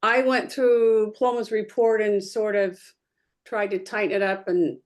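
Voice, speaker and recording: A woman giving a neighborhood committee report at a public meeting, her voice clipping and distorted on a remote call microphone, delivered in a steady, matter-of-fact way. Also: medium pitch, measured pace.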